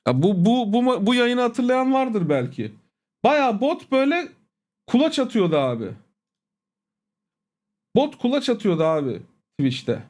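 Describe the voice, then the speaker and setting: A man with a high, slightly mellow voice rants casually to viewers on a livestream. He is blunt, profane and irritated, calling his audience "abi" and "agalar" in a familiar way.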